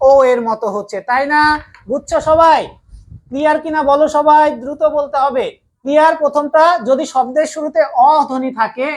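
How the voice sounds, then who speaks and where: A man's voice: extremely high pitch, a bit bright. A young man with a Bangladeshi Bengali accent teaching an online grammar class, repeating each point and checking over and over whether everyone has understood. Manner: repetitive, drilling, keeps asking if all is clear.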